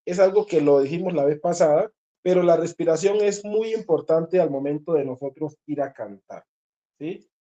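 This is a singing teacher guiding a group lesson, explaining step by step and often pausing to check that everyone follows. The voice sounds mellow and of middling pitch. The recording comes across dull and muffled. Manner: patient, repeats points and checks in with listeners.

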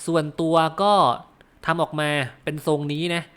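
A man with a Thai accent talks through game concept art in an easy, chatty way, correcting himself as he goes. His voice sits a little higher than most men's. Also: monotone, moderate pace, fairly bright tone, clean tone. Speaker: gaming channel host. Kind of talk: casual live commentary on game concept art.

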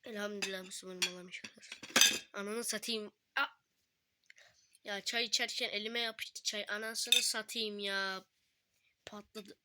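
A woman's voice: medium pitch, fairly even intonation, measured pace, pauses often, very noisy. A woman commenting casually on a game she plays with a friend, joking and swearing freely. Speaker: gaming video host.

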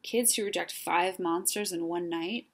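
A woman's voice: fairly low pitch, measured pace, breathy edge. A woman reading aloud, voicing a scruffy, slobbering male monster who whines and slurps. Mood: whiny. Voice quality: slurping, whiny.

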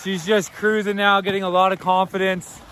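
Casual dad vlogger, high voice, speaks to an arm's-length camera, loud music under him. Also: male voice, flat delivery, brisk. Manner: cheering on his kids while skiing. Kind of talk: casual vlog. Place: outdoors on ski slopes and in a car. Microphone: action camera held at arm's length.

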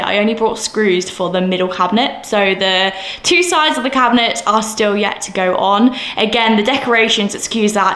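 A young woman in her twenties, a vlogger, gives a chatty, bubbly home tour of her mostly empty new flat, gushing with excitement. Her voice sits on the high side. She films indoors on a handheld camera using its built-in mic, and the empty rooms echo.

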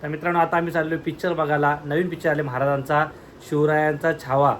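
Young male vlogger, high pitched, bright tone, playful banter. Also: level tone, fast talker, slight background noise. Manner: teasing, laughing banter. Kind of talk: casual vlog chat.

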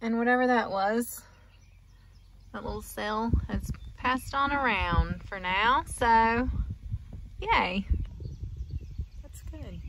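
Holding her phone at arm's length, a forty-something woman narrates a casual farm vlog from her truck and the fields, chatty and laughing often. Her voice is on the high side and a bit bright, slow and pausing often. The recording is noisy, with truck and outdoor sounds in the background.

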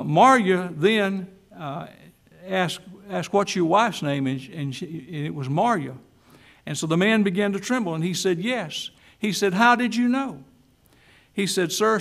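A man's voice: high-pitched, moderate pace, vocal fry, fairly bright tone. A man preaching a sermon in a church, telling a story and then making an emphatic appeal before leading a prayer. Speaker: pastor.

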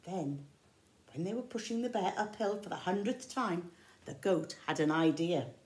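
A middle-aged English-accented woman, an infant school teacher, reads a picture book to young children, explaining words simply as teachers do. Her voice is lowish and darkish, expressive, at a moderate pace. The indoor room has large windows and a roomy echo.

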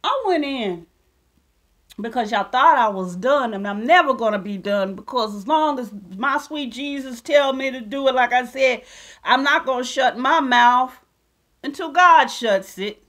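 A woman delivering a fiery vlog rant, mocking her critics one moment and preaching scripture the next. Her voice sits on the higher side for a woman, and her tone is combative and sure of itself. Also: measured pace, a bit bright. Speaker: self-styled prophetess vlogger. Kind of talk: ranting commentary and scripture reading.

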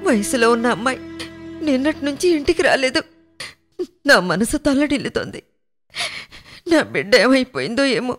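A woman's voice: sits high, animated, normal speed, long pauses, fairly bright tone, faint music behind, heavily acted. An actress playing a distraught mother who begs for her missing daughter to be brought home. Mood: pleading. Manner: anxious, pleading.

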